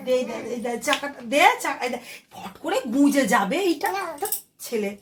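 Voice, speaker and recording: A woman's voice: sits high, animated, moderate pace, background noise. A young Indian woman vlogging casually at home, chatting to her viewers as friends and coaxing her toddler in playful baby talk.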